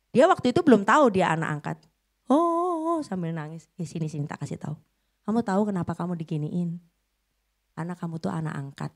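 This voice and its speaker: A middle-aged woman preaching a sermon, telling a story dramatically and swinging between loud bursts and hushed lines. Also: lowish voice.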